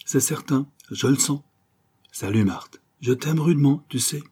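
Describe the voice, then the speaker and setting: A man voicing a rough, hard-drinking laundry worker whose raised, excitable voice slurs and mumbles when he's drunk. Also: mid-range voice, unhurried, voice pushed up. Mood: excited, rowdy. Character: rough, boozy laundry worker, lamenting and wild. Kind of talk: audiobook character voice.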